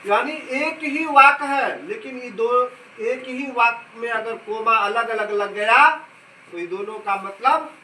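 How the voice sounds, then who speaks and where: A man teaching a class, explaining slowly and asking the class questions as he goes. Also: very high voice, sharp tone, slight background noise. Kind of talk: classroom lesson. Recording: echoey room, from a distance.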